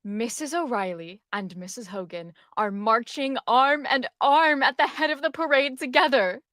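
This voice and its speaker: A sensible young woman, played by a woman, in an old-time radio comedy. Her voice is high and close-miked, dry and wry. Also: normal speed, a bit bright, no room sound. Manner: dry, level-headed. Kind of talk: amateur radio drama reading.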